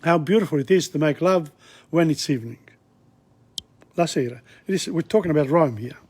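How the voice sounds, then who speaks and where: A man's voice: on the high side, fairly quick, a little mellow, slightly rough. A man teaching an informal language lesson, talking in a rambling, digressive, chatty way. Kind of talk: casual spoken lesson. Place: Australia.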